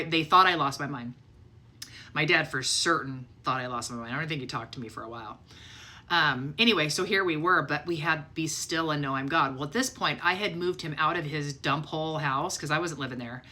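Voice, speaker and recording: A middle-aged woman telling her faith testimony in a casual, animated way, acting out her own thoughts as she goes. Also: sits low. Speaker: storyteller sharing her testimony.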